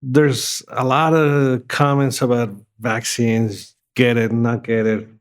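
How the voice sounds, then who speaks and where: A man speaks as a health authority on a talk show. He is earnest and urges his listeners directly, with a voice of ordinary pitch. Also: little pitch movement, slow pace. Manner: earnest and urging.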